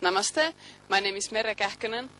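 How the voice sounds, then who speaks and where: A woman's voice: mid-range voice, brisk, loud music behind the voice, low-quality recording. A woman from Finland with a Finnish accent, a student introducing herself hesitantly.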